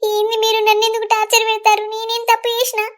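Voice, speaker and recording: A woman voicing a meek young bride who pleads in a high, whining voice. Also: completely flat delivery, fast talker. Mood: pleading. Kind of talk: cartoon voice acting.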